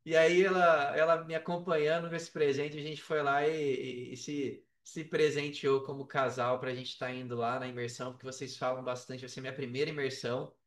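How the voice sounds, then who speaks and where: A Brazilian affiliate marketer tells personal stories casually as a podcast guest in an interview, with a Brazilian Portuguese accent, often repeating words and checking in with the listener. His medium-pitched voice has little pitch movement and a moderate pace, with hardly any pauses. He is recorded in an echoey room, distant from the mic.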